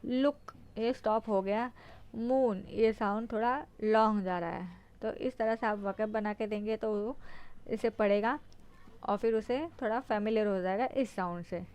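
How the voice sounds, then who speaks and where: A woman's voice: medium pitch, unhurried, a little mellow, clean tone. A woman explaining phonics to parents, spelling out words letter by letter and then sounding them out.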